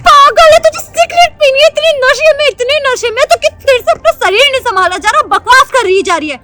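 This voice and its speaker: A woman's voice: very high voice, animated, a little fast. A woman playing a stern scolding sister-in-law. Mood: angry lecturing. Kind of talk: web sketch acting.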